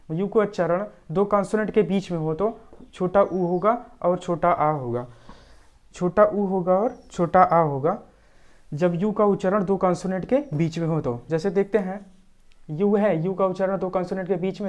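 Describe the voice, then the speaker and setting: Woman, tutor, pronunciation lesson, repetitive step-by-step delivery, low pitch, warm tone. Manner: repeats each point slowly, step by step. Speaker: English teacher. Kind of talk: tutorial explaining pronunciation rules.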